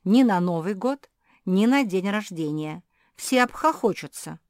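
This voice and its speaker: A woman's voice: medium pitch, expressive, measured pace, no echo, clean studio sound, pitched above the performer's own voice, close to an everyday voice. A woman voicing a plump, greedy female cat in a storybook reading, blunt and bossy in manner.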